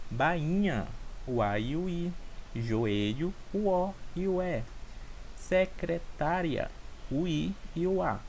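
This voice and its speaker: A man's voice: on the high side, darkish tone, slight background noise, poor audio. A man with a Brazilian Portuguese accent presenting a recorded class, patiently repeating points and checking in with his listeners. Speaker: student teacher.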